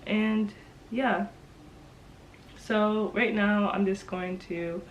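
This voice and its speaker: A young woman with a slightly nasal, stuffed-up voice from a cold, talking in a casual, halting, informal vlog style. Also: mid-range voice, fairly even intonation, highs cut off, slight background noise. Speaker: sewing vlogger.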